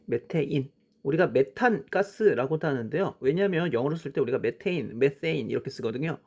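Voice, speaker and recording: A man's voice: medium pitch, animated, brisk, a little mellow, breathy edge, muffled recording. A man teaching a science lesson, drawing on a worksheet as he explains, often starting with "자" and asking questions that he then answers himself. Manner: frequent "자" and "그쵸?" as prompts.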